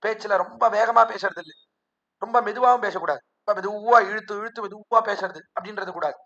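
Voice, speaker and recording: A man delivers a devotional discourse in a high, bright voice. He tells the story like a storyteller, acting out what each character says, and the recording sounds a little dull and lo-fi. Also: brisk. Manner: storytelling, acts out characters' speech. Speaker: religious discourse speaker.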